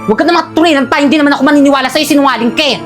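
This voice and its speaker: A woman's voice: high voice, racing, lightly acted. An actress playing a cruel, bullying mother in a Filipino TV drama, barking scolding orders with a Filipino accent. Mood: cold, harsh. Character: harsh, bullying mother, cruel to her child. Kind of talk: Filipino television drama acting. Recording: music under dialogue.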